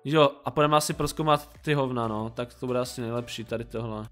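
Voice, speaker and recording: A young Czech man playing through Minecraft and role-playing, jumpy and quick to panic. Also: mid-range voice, a bit bright, faint music behind. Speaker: gaming YouTuber. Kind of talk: Minecraft role-play and let's play.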